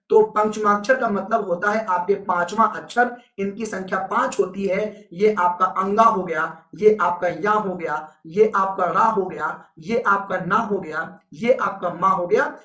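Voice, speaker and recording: A man's voice: high-pitched, pushed and bright, echoey room. A male teacher giving a live online exam-prep lesson, repeating key points with emphasis and answering viewer comments as he goes.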